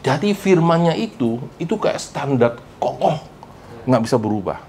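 A male pastor preaches a lively sermon to a church congregation at a moderate pace, mixing Indonesian with English phrases and keeping the congregation answering him. He is animated and emphatic, his pitch swinging high and low for emphasis, with faint ambient noise humming in the background.

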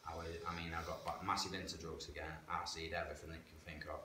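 This man's low voice sounds pushed and bright, with little pitch movement, as he races through his life story. The guest speaks frankly and plainly, in a chatty way with local slang, giving candid testimony. Recorded by a far camera indoors in a medium-sized church hall, the audio is echoey with hiss beneath.

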